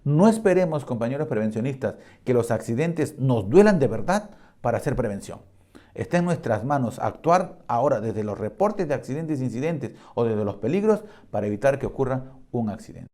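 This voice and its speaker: A male safety instructor gives a conversational lecture in a mellow, warm voice at a middling pitch. He talks plainly and pauses with fillers, and he checks in with the class as he goes. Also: big pitch swings. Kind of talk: recorded lecture and storytelling.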